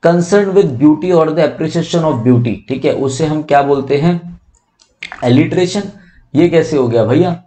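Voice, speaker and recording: A young man teaching English vocabulary for exam prep. He explains in Hindi with English terms mixed in, reads definitions slowly, spells words out letter by letter and asks rhetorical questions. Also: on the high side, warm tone.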